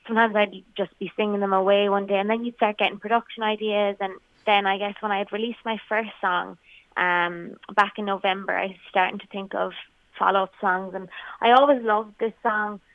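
A woman's voice: mid-range voice, fairly even intonation, fairly quick, dry recording. A young woman with a west of Ireland Kerry accent, chatting casually as a singer-songwriter being interviewed. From County Kerry, Ireland. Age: young adult. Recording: thin phone-like radio call sound.

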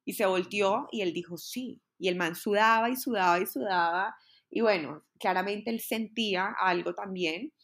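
A woman's voice: medium pitch, moderate pace, a bit bright. A young adult woman, telling a personal story in a candid, earnest way and repeating words for emphasis.

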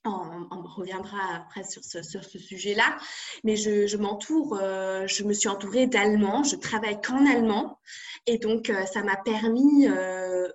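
A woman's voice: medium pitch, unhurried. Hesitant young French woman interviewed. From France. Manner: hesitant, many fillers and restarts. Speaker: interview guest. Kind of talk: casual interview.

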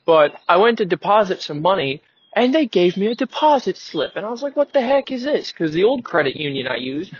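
Fairly high and fairly bright, this twenty-something man's voice carries his show as he drives along, musing aloud with casual, self-deprecating wryness. The audio is muffled and lo-fi.

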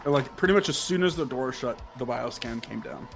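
A man at mid pitch narrating as game master. He rambles through his descriptions and fills them with "like". Faint music plays in the background. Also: expressive, normal speed, gravelly, fairly bright tone. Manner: rambling, heavy use of "like".

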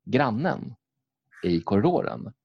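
A man's voice: on the low side, very animated, slightly rough, no room sound, muffled recording. A man chatting casually, rambling through stories with lots of fillers, restarts and swearing. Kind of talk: casual chat about video games.

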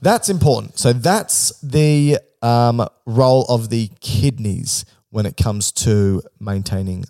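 A man talks at a middle pitch in a casual, explanatory chat, walking through ideas step by step with an informal, joking edge. The sound is close and dry, with no room echo. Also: slow pace, hardly any pauses, dark tone. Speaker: podcast co-host.

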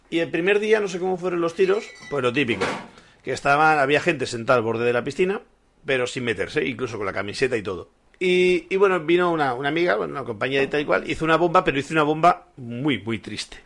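A man's voice: a little high, fairly bright tone. Joking man chatting. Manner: joking storyteller, swears freely. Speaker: podcast co-host. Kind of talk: casual beer-tasting chat.

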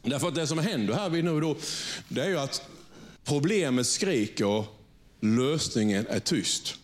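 A man's voice: mid-range voice, animated. A pastor preaching to his congregation in a conversational way, often checking for agreement and restarting his sentences. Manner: frequent restarts and repeated words. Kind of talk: sermon. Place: church before a congregation.

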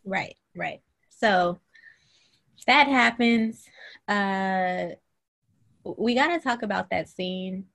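A woman in her thirties co-hosts a casual podcast, telling the episode's events in an animated, profane way. Her voice sits at an ordinary pitch, and she laughs often as she talks. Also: very slow, creaky, pauses often. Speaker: podcast co-host. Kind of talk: casual chat recapping a TV show.

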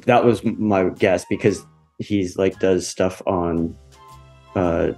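A man co-hosting a casual podcast, trading wry jokes with quick comebacks. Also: low voice, fairly even intonation, darkish tone, faint music behind. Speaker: podcast co-host. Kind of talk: casual chat.

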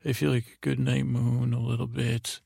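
A man hosting a sleep podcast in the calm, gentle, rambling manner of a bedtime story narrator. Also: mid-range voice, moderate pace, vocal fry, slightly rough, dry recording, studio quality. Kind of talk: soothing bedtime sleep-story narration, saying good night to listeners.

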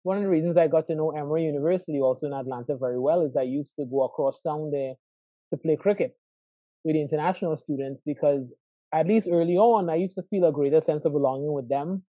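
Speaking fast in a warm, slightly high voice, a Trinidadian-accented professor in his forties from Trinidad and Tobago is interviewed as a guest over a call. He reflects thoughtfully and frequently says "right?". The audio is dull, with no room sound.

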